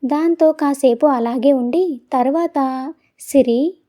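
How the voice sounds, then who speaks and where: A woman storyteller giving gentle, expressive scripted narration of a romantic audio story. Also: high voice, moderate pace.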